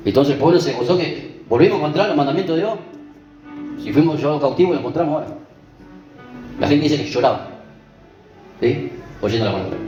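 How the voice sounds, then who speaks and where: A man's voice: medium pitch, dull audio. A man, preaching a conversational sermon and checking in with the congregation as he goes. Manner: conversational, keeps asking the congregation "¿vio?" and "¿sí?". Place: church. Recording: echoey church with music behind.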